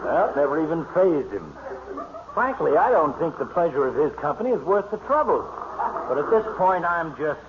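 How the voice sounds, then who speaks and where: A muffled, noisy old radio recording of a sardonic small-town doctor. He needles in a lively, fairly high voice, in 1950s comedy style. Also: moderate pace.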